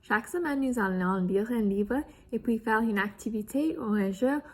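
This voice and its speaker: A woman librarian hosting a children's storytime, reading a picture book aloud in a slow, gentle manner from home. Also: a little high.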